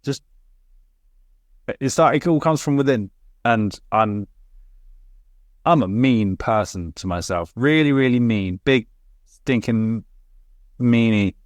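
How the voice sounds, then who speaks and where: A man's voice: medium pitch, expressive, unhurried, long pauses, no room sound. A man co-hosting a casual podcast chat, speaking candidly and reflectively, often restarting his sentences. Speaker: podcast co-host.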